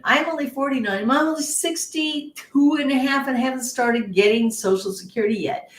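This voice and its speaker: A woman hosting a podcast interview, chatty and animated, with playful asides. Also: fairly high pitch. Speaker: podcast host. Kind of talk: casual interview talk. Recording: roomy echo.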